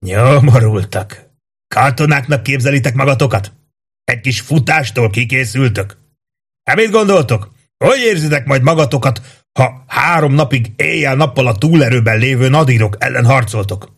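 A man voicing a gruff veteran commander who barks scornful orders at exhausted soldiers. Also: medium pitch, voice pushed up. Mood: commanding. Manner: barking, scornful.

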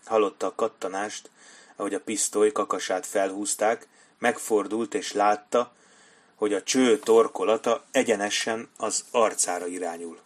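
Male audiobook narrator, lower voice, steady scripted reading.

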